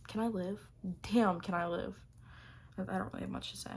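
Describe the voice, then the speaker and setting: A woman's voice: medium pitch, steady tone, a little fast, vocal fry, slight background noise. Gushing young woman rambling about favorites. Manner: gushing, rambling, lots of fillers. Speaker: vlogger. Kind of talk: casual year-favorites chat.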